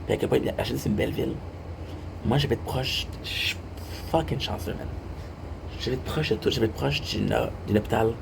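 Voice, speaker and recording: A young Québécois man with a Québécois French accent tells a rambling story in a casual monologue, repeating himself and swearing casually. His mid-range voice is creaky and at normal speed, with a noisy background hum.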